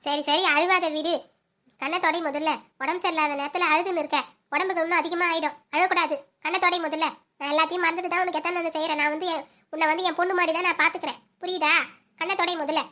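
A very high, bright, quick voice belongs to a fussy village mother-in-law, played by a woman. She nags and dotes in the same breath, in a homemade comedy skit. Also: fairly even intonation. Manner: scolding, then fussing over her daughter-in-law.

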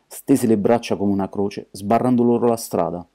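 A man reads an amateur audiobook with steady, measured delivery. His voice sits low. The tone is dark and mellow. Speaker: audiobook narrator.

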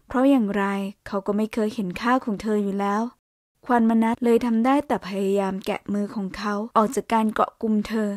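A woman narrating a romance story in Thai in a steady, unhurried storytelling voice that often drops soft and hushed. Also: mid-range voice, no echo, studio quality.

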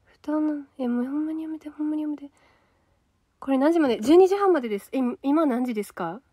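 A woman's voice: high-pitched, brisk, mellow, no room sound, clean studio sound. A young woman with a Kansai accent, hosting a solo livestream and chatting casually as she reacts to viewer comments aloud. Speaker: idol trainee livestream host.

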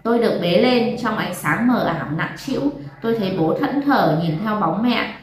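A woman host narrating late-night stories in a calm, even reading voice. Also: mid-range voice, normal speed. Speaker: storyteller host. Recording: roomy echo, faint noise.

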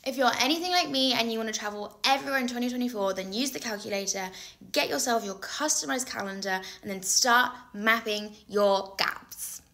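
Bubbly young woman with a bright voice. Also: on the high side, brisk. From not Australia. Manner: bubbly, playful, enthusiastic. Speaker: travel company presenter. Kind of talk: upbeat promotional pitch.

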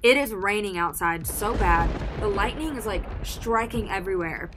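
A woman's voice: mid-range voice, normal speed, background noise. Chatty young woman vlogger, dramatic storyteller. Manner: chatty, dramatic storytelling with lots of filler words. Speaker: vlog host. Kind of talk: casual storytelling vlog. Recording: music playing behind.

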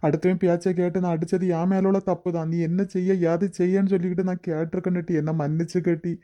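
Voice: medium pitch, flat delivery, dark tone, lightly acted. A voice actor voicing a guilty village father in a cartoon, begging his wife's forgiveness. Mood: pleading, coaxing. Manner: quick, guilty, pleading. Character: remorseful village father, rough but sorry. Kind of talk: cartoon voice acting.

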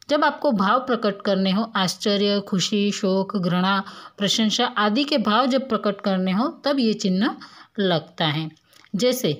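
धैर्य से पढ़ाती, थोड़ी ऊँची आवाज़ वाली शिक्षिका. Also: female voice, fairly high pitch. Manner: asks questions and answers them herself, explaining patiently. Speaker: school teacher. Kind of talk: recorded classroom lesson.

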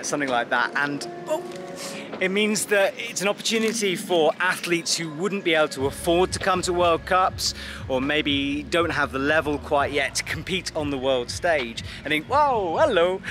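Chatty man vlogging to a handheld camera. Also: fairly high pitch. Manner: chatty and upbeat, flat and tired late at night. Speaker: climbing commentator and vlogger. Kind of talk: casual vlog to camera. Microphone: handheld camera at arm's length.

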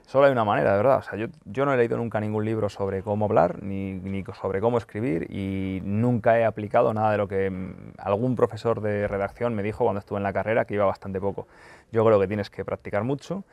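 Man, vlogger answering questions; blunt and sweary, lots of fillers, fairly low voice, dry sound. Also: steady tone, a little fast, vocal fry, darkish tone, dry recording. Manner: blunt and profane, with many fillers and restarts. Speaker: football journalist and video host. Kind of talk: casual question-and-answer vlog. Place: in Qatar during the World Cup.

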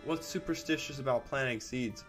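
A man's voice: medium pitch, moderate pace, music in the background. Rambling man narrating a game. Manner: rambling, restarts, reacts aloud to the game. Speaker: gamer. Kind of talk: let's play commentary.

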